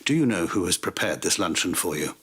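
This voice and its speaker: Commanding lord, husky, bright tone. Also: male voice, low voice, animated, fairly quick, full character voice. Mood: angry. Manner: curt, commanding. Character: proud, angry aristocratic lord and father.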